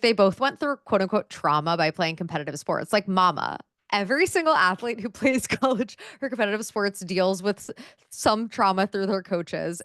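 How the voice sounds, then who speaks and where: A woman in her thirties co-hosts a podcast, chatting casually while reading through research notes, her talk heavy with "um" and "like." Her medium-pitched, slightly bright voice is recorded at studio quality with no echo.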